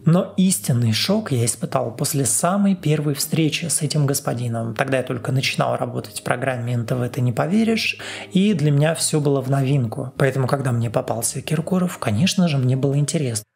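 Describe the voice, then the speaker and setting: A man's voice: mid-range voice, creaky, a little mellow. A former TV reporter, a man, narrates a story in a sarcastic monologue.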